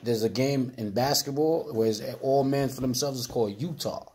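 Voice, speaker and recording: Brief: mid-pitched man, chatty, acts out lines. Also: moderate pace, a little mellow, a little hiss or hum. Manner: storytelling, acts out quotes. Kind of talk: casual group discussion.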